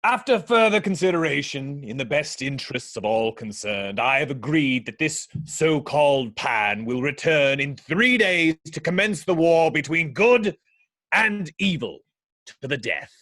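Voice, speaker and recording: A vain, menacing pirate captain, acted by a man, who speaks slowly with sweeping swings of pitch. He is haughty and theatrical, a pompous villain in a drama read-through. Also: expressive, bright, forceful tone, no room sound, exaggerated voice. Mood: grandiose menace.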